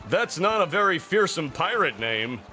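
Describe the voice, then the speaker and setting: A man voicing a vain, hearty, muscular lobster who likes to complain, in an animated game cutscene. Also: fairly high pitch, moderate pace, soft background music. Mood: aggrieved.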